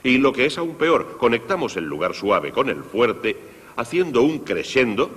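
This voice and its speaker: A man presenting a concert for young people, explaining music to children in a lively, direct way, dubbed in Spanish. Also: medium pitch, unhurried, slightly rough, in a large hall. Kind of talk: Spanish dub of a televised music lesson.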